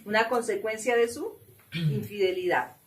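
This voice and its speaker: A woman's voice: mid-range voice, a little slow. A woman leading a Bible study, reading scripture aloud and explaining it, with frequent questions to her listeners. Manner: reads scripture then explains, asks the group questions. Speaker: Bible teacher. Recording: distant mic with faint room noise.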